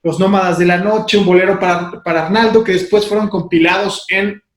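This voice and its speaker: A man's voice: sits high, fairly even intonation, a little fast, reverberant. A man hosting an interview, admiring toward his guest, hesitant with many fillers. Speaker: interviewer, host. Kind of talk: interview talk.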